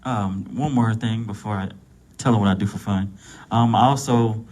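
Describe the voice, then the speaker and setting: A man in his thirties, a guest on a talk show, speaking in a relaxed way with many pauses. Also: fairly low pitch. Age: 30s. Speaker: guest, photographer and barber. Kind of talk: casual talk show chat.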